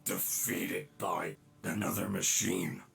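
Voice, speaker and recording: An actor playing a bitter, cynical villain, a wrecked human inside a machine, in a video game. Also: male voice, low voice, fairly even intonation, slow, gravelly, a bit bright, faint music behind, full character voice. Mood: bitter, resigned.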